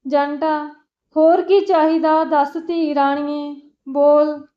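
A gentle, fatherly middle-aged man, as a woman reads him aloud in a storybook telling, warmly coaxing and repeating himself. The voice sits high and unhurried, on a dull lo-fi recording. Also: steady tone. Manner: warm, coaxing, repeats words.

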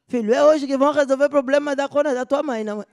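A comedian playing an uneducated, blunt older father with an Angolan Portuguese accent, speaking loudly and insistently. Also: medium pitch, lively intonation, quick pace, natural voice. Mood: stubborn. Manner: shouting, raised and insistent. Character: uneducated older man from the provinces, blunt and loud. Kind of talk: stand-up comedy character voice.

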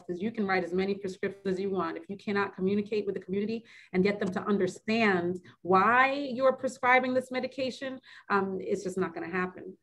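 A woman of middle pitch talks as a guest in a webinar interview. She is earnest and reflective, and she often pauses with "um" and restarts her sentences as she thinks. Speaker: public health physician, interview guest.

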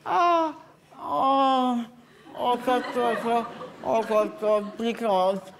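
A man's voice: extremely high pitch, steady tone, drawn-out words, crowd noise, voice pushed up, exaggerated voice. A man on a theatre stage voicing a vain, stage-struck hen that clucks and pecks in a squawky voice. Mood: clucking.

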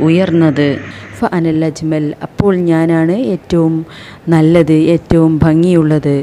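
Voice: mid-range voice, noisy background. A teacher giving an online class, reading short text lines aloud and translating them phrase by phrase. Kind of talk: online class explaining a textbook lesson.

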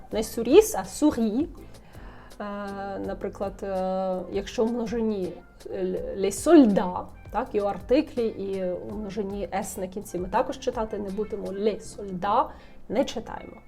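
A woman's voice: mid-range voice, warm tone. Woman tutor modelling French sounds. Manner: clear teaching tone, repeats words slowly, asks "так?". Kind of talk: language lesson, modelling pronunciation.

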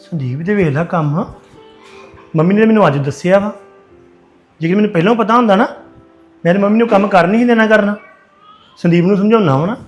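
A man's voice: sits high, fast, long pauses, soft background music, close to an everyday voice. A man playing a married son who reassures his mother and vows to set his wife straight. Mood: reassuring. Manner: reassuring, firm.

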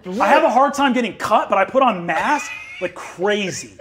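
A man's voice: high-pitched, expressive, normal speed, fairly bright tone, slight background noise. A man voicing a big, dim-witted young jock bro with a laid-back drawl in a tabletop role-play game. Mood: boastful.

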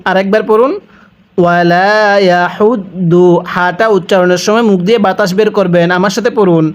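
A Bangladeshi man teaching Quran recitation, stretching verses out slowly and repeating them, then explaining rules briskly. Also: sits high, fairly even intonation. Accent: Bangladeshi Bengali. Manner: drawn-out slow chanting of verses, brisk explanations. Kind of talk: spelled-out recitation lesson.

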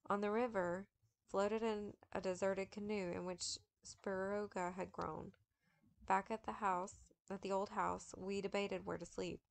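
A woman reading a memoir aloud in a steady, measured manner, with occasional slips. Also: medium pitch, gravelly. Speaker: audiobook reader.

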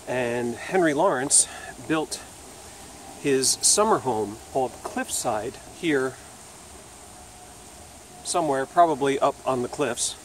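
A man in his thirties talks into a handheld camera on a wooded riverside trail. He is chatty and loose, thinking aloud with fillers and restarts, at a middling pitch, with faint open-air sound behind him. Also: a little hiss or hum. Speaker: video host exploring ruins. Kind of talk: casual walking vlog narration. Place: outdoor woodland trail by a river. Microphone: camera held at arm's length.

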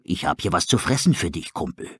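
Man reading a gruff, practical male owl in a storybook, husky voice. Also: low-pitched, very animated, a little fast, fairly bright tone, no echo, studio quality, voice pushed down, exaggerated voice. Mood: gruff, coaxing. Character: blunt, brisk male owl.

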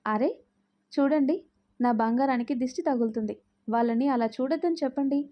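A woman's voice: high voice, fairly quick, lo-fi sound, close to an everyday voice. A woman doing a grumbling, doting grandmother. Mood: fretful. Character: fussy protective grandmother, older woman.

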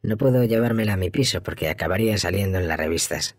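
A man voicing a calm, troubled male actor who speaks in a halting, uncertain, musing way. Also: low-pitched, no room sound, clean studio sound, lightly acted. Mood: complaining. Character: troubled male actor, calm, confused about his own guilt.

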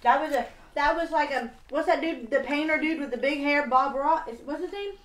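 A woman tastes food and chats casually. Her voice runs fairly high, and she talks in a frank, joking way. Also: fairly quick, fairly bright tone, reverberant. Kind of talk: casual chat while tasting.

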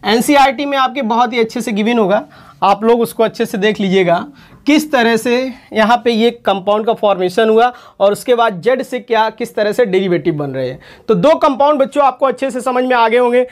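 A woman's voice: a little high, a little fast. A woman chemistry teacher giving an online lesson, calling her students children and repeating each term for emphasis.

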